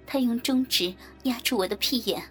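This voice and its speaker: A woman narrating a story in a soft, breathy, half-whispered voice. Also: a little high, normal speed, faint music behind. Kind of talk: whispered erotic story reading.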